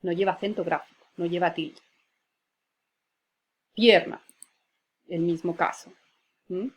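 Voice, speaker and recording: A woman's voice: on the low side, level tone, brisk, breathy edge, muffled recording. A woman teacher, patiently explaining spelling rules and spelling out words syllable by syllable. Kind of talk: spelling lesson.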